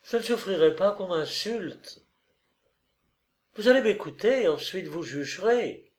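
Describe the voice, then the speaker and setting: A man reading aloud and voicing a proud, wounded young noblewoman who answers in a raised, hushed, intense voice. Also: mid-range voice, lively intonation, measured pace, pitched above the performer's own voice, lightly acted. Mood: defiant.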